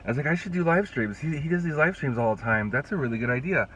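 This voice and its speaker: A young adult youth pastor, congested and fighting a cold, chats casually to his phone camera held at arm's length, rambling with restarts. His voice is a little high, fairly bright and slightly rough, delivered fast and animated, in a low-quality recording.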